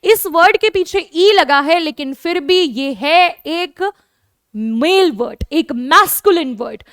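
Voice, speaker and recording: A woman with an Indian accent teaches French to kids, her voice sitting very high. She drills each word slowly, saying it again and again. The sound is dry and close, with no room around her. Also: lively intonation, a bit bright, no room sound. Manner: addresses pupils as kids, explains patiently. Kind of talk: online lesson in Hindi.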